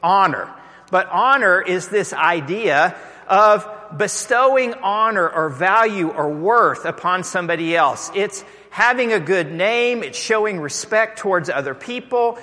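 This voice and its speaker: High, bright-voiced Texan pastor preaching. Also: male voice, expressive, measured pace. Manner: emphatic, asks the congregation to repeat lines. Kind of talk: sermon. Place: church sanctuary. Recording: long reverb of a church hall.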